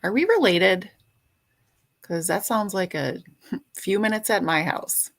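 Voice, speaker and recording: A woman's voice: mid-range voice, animated, slow, creaky. An older woman hosting a casual livestream chat, playful and teasing as she greets viewers by name. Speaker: livestream host.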